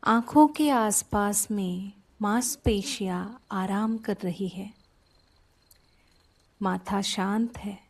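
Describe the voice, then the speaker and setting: In a mid-range voice, a woman gently guides listeners toward sleep through meditation, speaking slowly and calmly with pauses after each brief phrase.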